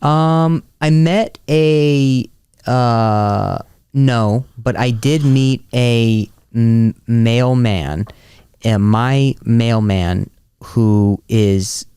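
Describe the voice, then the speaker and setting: Mellow, smooth-voiced man telling stories. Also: mid-range voice, extremely slow, no echo, studio quality. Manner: animated storyteller, acts out quotes. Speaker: podcast co-host. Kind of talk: casual podcast chat.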